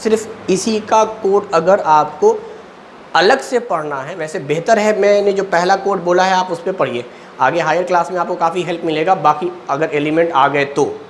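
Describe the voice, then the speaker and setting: A man's voice: high-pitched, normal speed, slight background noise. A man teaching a chemistry lesson in speech, explaining step by step and answering his own questions. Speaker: coaching teacher. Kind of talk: classroom lecture at a board.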